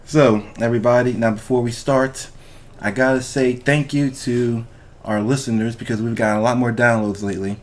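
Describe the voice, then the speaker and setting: A man with a middle-pitched voice hosts a casual podcast. He talks informally and directly to listeners, in loose, unpolished language. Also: steady tone, moderate pace. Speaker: podcast host.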